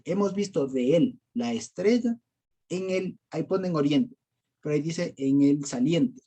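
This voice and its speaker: Husky Ecuadorian man teaching Bible study. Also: fairly high pitch, dark tone. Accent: Ecuadorian Spanish. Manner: conversational, quizzes listeners with rhetorical questions; laughs often, frequent verbal fillers.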